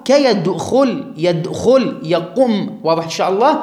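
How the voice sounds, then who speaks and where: A man's voice: high-pitched, expressive, fairly quick. A man teaching a classroom grammar lesson, drawing out and repeating words for his students. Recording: echoey room.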